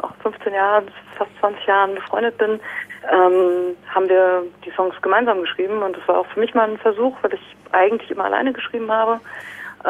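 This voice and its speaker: Heard over a phone line, a woman singer-songwriter with a medium-pitched, creaky voice is the guest in a casual radio interview by phone. She sounds hesitant, using many fillers and restarting her sentences.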